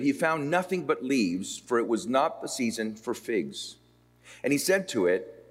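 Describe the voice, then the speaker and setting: A man from Puerto Rico preaching in a seminary chapel, his pitch rising and falling a great deal. He shifts between slow, weighted phrases and quicker runs. A long hall reverb trails his words. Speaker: pastor. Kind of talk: sermon with scripture reading.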